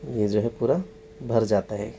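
A man's voice: lowish voice, steady tone, dark tone, dull audio. A man giving a casual on-location tour, guiding viewers around a waterfall and pointing things out as he goes. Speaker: travel vlogger. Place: outdoors by a waterfall. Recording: faint noise from rushing water outdoors. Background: rushing water and outdoor ambience.

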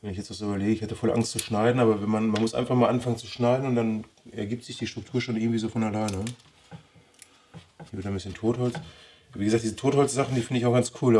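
A bonsai vlogger with a medium-pitched, slightly mellow male voice and a Ruhr German accent thinks aloud while working on a tree. His casual commentary drifts into muttering as he trims.

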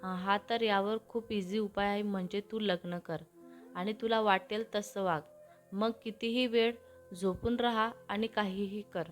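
A woman's voice: medium pitch, steady tone, unhurried, soft background music, close to an everyday voice. A woman voicing a young man who teasingly coaxes his younger brother out of bed in a storybook reading. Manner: teasing, coaxing.

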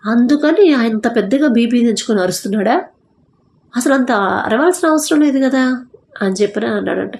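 A woman's voice: a little high, animated, a little fast, gravelly, a little mellow. Earnest woman telling a faith testimony. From India. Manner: retells dialogue in quoted voices, earnest and conversational. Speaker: testimony speaker.

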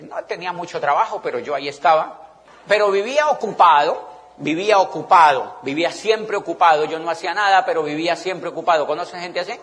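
A middle-aged man with a Colombian accent giving an animated motivational talk to a live audience, often checking that they follow him. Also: a little high. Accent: Colombian Spanish. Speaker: motivational business speaker. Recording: long reverb of a large hall.

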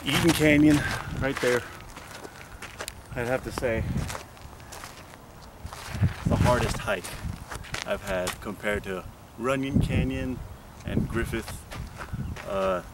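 With a mid-range voice, a young male vlogger speaks slowly and pauses often as he talks casually to a handheld camera while hiking outdoors. He is a bit out of breath, joking and self-deprecating. The camera audio has clear background noise.

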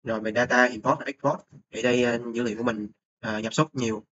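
A man's voice: medium pitch, fairly even intonation, fast talker, fairly bright tone, husky. A young man, a student presenting a course report over a screen recording, talking hesitantly with many filler sounds. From Vietnam. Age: young adult. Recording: dull lo-fi mic with faint noise.

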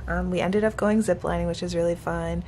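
Her fairly low, steady, slightly mellow voice moves a little fast as this twenty-five-year-old vlogger chats earnestly and gratefully to a close-held camera in a hotel room. It's casual, reflective vlog talk with a faint hiss or hum.

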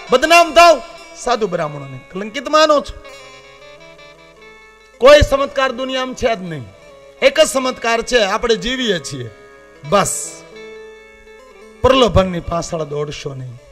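A man in his fifties from Gujarat with a Saurashtra accent, preaching a devotional sermon, swinging between loud warnings and low confiding asides. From Gujarat, India. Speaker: Shiva katha preacher. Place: open-air katha gathering with live accompaniment.

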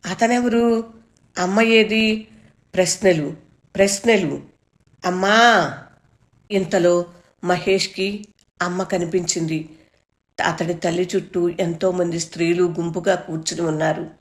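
A woman narrating a short story aloud in a measured, expressive reading. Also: on the low side.

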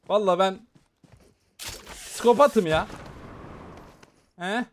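A gaming streamer man with a fairly high voice calls out his match in rapid, excitable bursts. He talks straight to his viewers the whole time, and a faint noise sits under the recording. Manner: excitable, chatty, talks to viewers while playing. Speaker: gaming YouTuber. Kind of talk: live mobile game commentary.

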